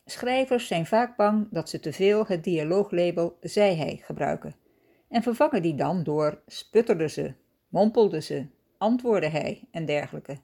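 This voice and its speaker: A woman hosting a writing-tips podcast, reading a scripted lesson in a calm, measured, instructive way. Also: on the low side, vocal fry.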